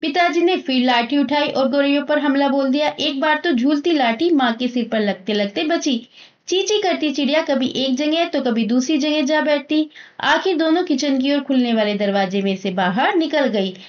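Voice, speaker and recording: Woman schoolteacher, high-pitched, reads aloud and explains in simple terms, dull lo-fi sound. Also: moderate pace. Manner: explains each passage in plain, simple terms. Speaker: teacher. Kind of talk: reading and explaining a story in a school lesson. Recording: muffled lo-fi recording.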